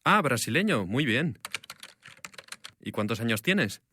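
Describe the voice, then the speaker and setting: A lively, bright receptionist. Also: male voice, mid-range voice, husky, no room sound, clean studio sound, exaggerated voice. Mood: friendly. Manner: brisk, lively questioning. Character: friendly male receptionist. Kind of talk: scripted textbook audio dialogue.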